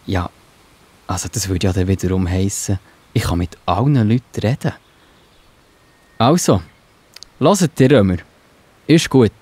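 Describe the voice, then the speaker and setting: Musing aloud as the apostle Peter, a kindly, thoughtful bearded man in a children's audio drama, this performer has a lowish, mellow voice with a slight roughness.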